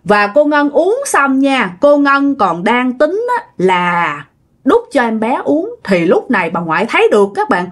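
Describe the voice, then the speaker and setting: A woman tells a ghost story casually, turning to her listeners as she goes. Her voice is fairly high and very lively in pitch. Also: measured pace. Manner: chatty, addresses listeners directly.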